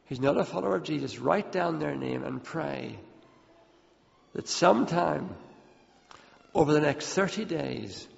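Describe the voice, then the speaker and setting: A man's voice: fairly high pitch, animated, unhurried, creaky, long pauses. A man preaching an earnest sermon, repeating words as he presses his points, recorded in a church hall. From Ethiopia. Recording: dull, long hall reverb.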